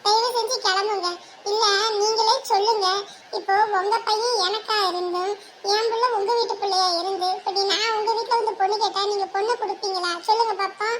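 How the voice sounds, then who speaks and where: A woman's voice: extremely high pitch, steady tone, fairly quick, slight background noise. An actress playing a weary mother who firmly refuses a marriage proposal for her daughter in a family drama. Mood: pleading. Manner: pleading yet firm, sends guest away. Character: weary mother fed up with her drunk husband.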